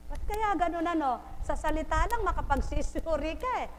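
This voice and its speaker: A woman delivers a sermon in a high voice, throwing rhetorical questions at her listeners and acting out little scenes of gossip. The live recording carries a long reverb from the hall and a faint hiss underneath. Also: normal speed. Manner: rhetorical, questioning the congregation, animated storytelling. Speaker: preacher.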